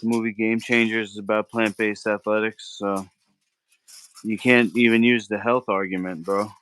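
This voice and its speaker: A man with a lowish, fairly bright and clean-toned voice speaks at a moderate pace with little pitch movement. He hosts a live cooking stream, rambling casually in slang, arguing with his chat as he cooks and constantly saying "bro."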